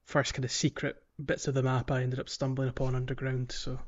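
This podcast host speaks briskly in a flat, medium-pitched voice, and the recording is muffled. He rambles through a relaxed video game conversation, chatty and a bit hesitant.

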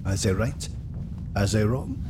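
This actor voices a solemn octogenarian storyteller looking back on childhood and still haunted by his father, in an audio drama. He speaks a little slowly, at a fairly low pitch with big swings. Music runs beneath the voice, and there is background noise.

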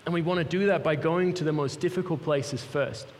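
Recorded with some hiss or hum and the long echo of a big church hall, a young man from Switzerland preaches a heartfelt, personal sermon. His Swiss-accented voice is fairly high and a little fast, and he's there as a guest speaker for a mission group.

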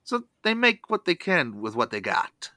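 Casting: male review host, crisp bright tone, lively intonation, dry studio-style sound, scripted recap. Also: a little high, normal speed, no room sound. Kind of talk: scripted recap narration with asides.

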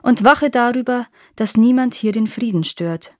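A woman's voice: fairly high pitch, moderate pace, no room sound, voice pushed up, close to an everyday voice. A woman voicing a young, pale male fairy knight who is stern yet lonely, speaking in a raised, commanding tone in a storybook reading. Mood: proud. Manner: commanding, louder and raised delivery. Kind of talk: storybook character voice. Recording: dry close recording.

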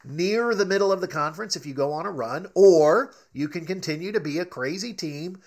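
A man's voice: a little high, brisk. Emphatic sports talk co-host, a man. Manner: emphatic, ranting.

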